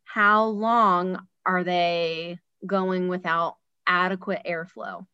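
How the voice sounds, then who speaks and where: A woman's voice: on the low side, fairly even intonation, slow, bright, forceful tone, clean tone, no room sound. Woman host, emphatic, rhetorical, dull dry recording. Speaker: podcast host. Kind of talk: casual conversation.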